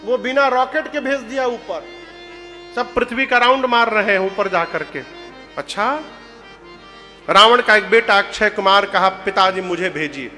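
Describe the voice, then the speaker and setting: With a very high-pitched voice and a Bhojpuri-flavored Hindi accent, a religious storyteller livens up his humorous devotional sermon with rustic, joking anecdotes. The recording comes from a reverberant hall, music playing underneath.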